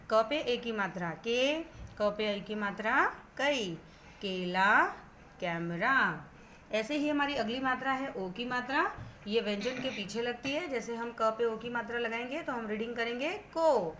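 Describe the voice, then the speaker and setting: Woman teaching kids hindi grammar online, bit high voice, slow patient spelling out of sounds, faint hiss behind. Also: fairly bright tone. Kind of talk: online grammar lesson for children.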